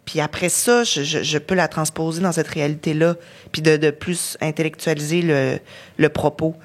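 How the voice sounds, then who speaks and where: A young woman with a Lac-Saint-Jean Quebec accent chats casually as a podcast guest. Her voice sits somewhat low, and she hesitates, repeats words and fills pauses as she searches for what to say. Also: steady tone. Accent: Lac-Saint-Jean Quebec French. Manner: hesitant, many fillers and restarts. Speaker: guest, actress.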